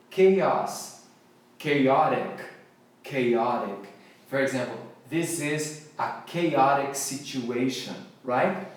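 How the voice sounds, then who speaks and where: A man's voice: mid-range voice, far from the mic. A Brazilian man teaching English pronunciation live, playfully repeating words for his students to echo. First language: Portuguese.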